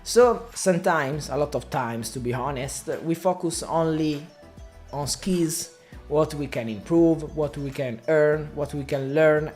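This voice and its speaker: Speaking non-native English with an Italian accent, this man from Italy describes his work as a digital marketing media buyer, casually addressing the camera and frequently stopping to restart. His voice is a little high and a little mellow.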